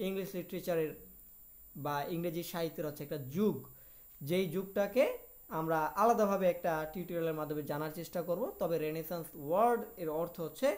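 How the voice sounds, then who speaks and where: A woman's voice: on the low side, a little mellow. Woman teaching a literature lesson. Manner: explains each point in Bengali after reading it in English; asks rhetorical questions and answers them herself. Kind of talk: video lecture.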